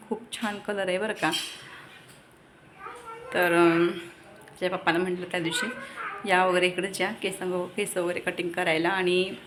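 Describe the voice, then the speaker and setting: A young mother from Maharashtra talks to her viewers on a phone camera at home, breaking off to scold her kids. Her voice is bright and clear, with a faint hum of room noise behind it. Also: mid-range voice. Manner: chatty, scolding her kids between asides. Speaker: vlogger and mother of two. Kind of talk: casual family vlog chat to viewers. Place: home with a gallery.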